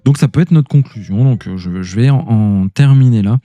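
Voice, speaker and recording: A man hosts a podcast in a casual, conversational way. His tone is very soft and dark, at an average pitch. He feels his way through sentences with measured pauses. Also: no echo. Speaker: podcast host. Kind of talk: casual game review and chat.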